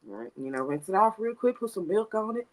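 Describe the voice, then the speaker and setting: A podcast co-host in casual chat, playful, with quick asides and reactions. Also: mid-range voice, expressive, darkish tone.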